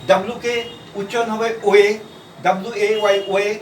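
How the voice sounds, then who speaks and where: A man from India teaching a shorthand class, explaining slowly and repeating himself, letter by letter. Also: high-pitched, level tone, a little hiss or hum. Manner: repetitive, halting, spells out letters. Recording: echoey room from far off.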